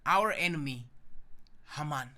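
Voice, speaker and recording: A man's voice: fairly high pitch, animated, measured pace, bright, forceful tone, heavily acted. A man voicing a courageous queen who pleads earnestly before a king. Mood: pleading.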